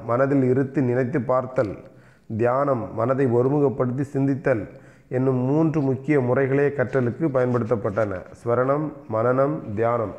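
A man's voice: mid-range voice, darkish tone. Man reading exam notes aloud. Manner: reads notes aloud, repeating key terms slowly. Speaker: teacher. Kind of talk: exam revision lecture.

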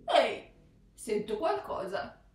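A woman voicing a huge gruff male monster in a storybook reading, low and grumbling. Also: big pitch swings, takes it slowly, music in the background, heavily acted. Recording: roomy echo from a distant mic.

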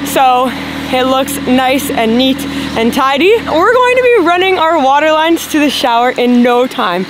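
A woman's voice: high voice, background noise. A woman in her thirties chatting to viewers outdoors in a wooded yard, filming herself at arm's length and laughing often. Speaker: vlogger. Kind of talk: casual vlog narration. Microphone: handheld camera at arm's length.

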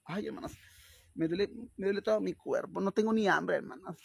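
Casting: a man playing a crude, whiny young woman with a husky voice and a sighing delivery, for a comedy skit. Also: sits high, brisk, heavily acted. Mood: fretful. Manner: whiny, sighing, keeps repeating "ay, hermanas". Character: crude, fretful young woman who thinks she's pregnant.

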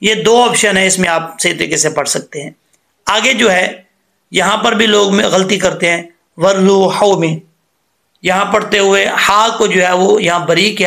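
A middle-aged man teaching Quran recitation, patiently explaining tajweed pronunciation step by step and often pausing to check in with his listeners. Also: on the high side, gravelly, fairly bright tone. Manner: repeats and corrects points as he goes.

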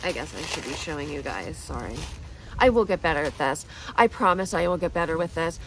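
A woman's voice: sits low, lively intonation, brisk, noisy background. A woman in her thirties talking through an emotional personal vlog, rambling and self-deprecating, close to tears. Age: 30s. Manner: rambling, tearful, self-deprecating, with nervous laughs. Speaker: vlogger.

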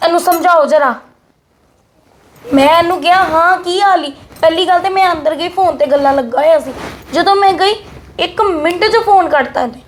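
A woman's voice: moderate pace, slight background noise. A woman playing a feisty married elder sister who scolds her younger brother, speaking in a family short film. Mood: complaining. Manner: scolding, defiant, high-pitched.

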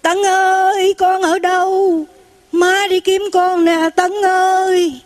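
A woman's voice: fairly high pitch, moderate pace, darkish tone, faint music behind, lightly acted. An old mother, desperate with grief, pleads and cries out for her son, voiced by a woman storyteller. Her voice is tearful and searching. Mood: calling out.

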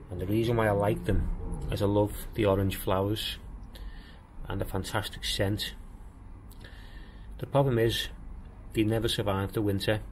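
Low-voiced man touring his garden. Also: slight background noise. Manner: plain-spoken, unhurried, explains as he walks. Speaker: gardening vlogger. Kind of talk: casual garden tour. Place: outdoors in a walled garden.

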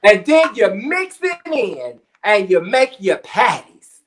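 On a webcam video call from his home kitchen, a middle-aged cooking show contestant shows off a recipe in a playful, jokey way, full of slang and puns. His high voice is very animated and a bit bright, and he takes his time. There's slight background noise.

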